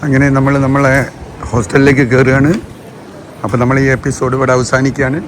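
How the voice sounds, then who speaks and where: A man's voice: mid-range voice, completely flat delivery, a little fast. Malayali man vlogging, English mixed in, noisy street. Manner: mixes English words into Malayalam; chatty, tags remarks with short questions to viewers. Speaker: travel vlogger. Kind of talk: casual travel vlog commentary. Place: outdoors on city streets. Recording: noisy outdoor street and traffic ambience.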